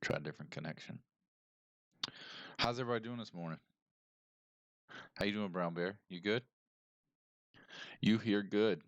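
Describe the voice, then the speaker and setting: Low-voiced man on livestream headset audio. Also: normal speed, long pauses, no echo, highs cut off. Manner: chatty and rambling, greets viewers by name. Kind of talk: casual livestream chat with viewers. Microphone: close streaming mic.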